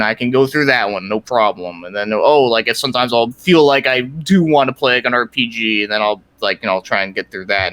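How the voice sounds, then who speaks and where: In a mid-range voice with a sharp tone and no echo, a man who makes YouTube content rambles through a relaxed podcast interview. He talks about his projects and gaming in an informal way, leaning heavily on "like," other fillers, and mild swearing.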